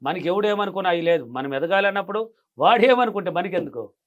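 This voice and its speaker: A man's voice: high voice, lively intonation, fast. A man giving emphatic money-affirmation advice in an interview, repeating his key phrases. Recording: dull lo-fi sound.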